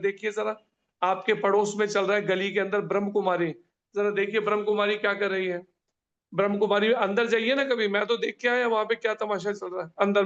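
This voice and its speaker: A man's voice: high voice, a bit bright, lo-fi sound. A man teaching a scripture class over a video call, answering questions and explaining with examples and little stories. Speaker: spiritual teacher.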